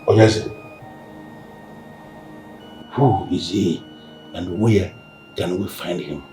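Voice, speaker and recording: An actor with a Nigerian accent playing a grave council elder who asks slow, probing questions. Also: male voice, deep voice, mellow, faint music behind.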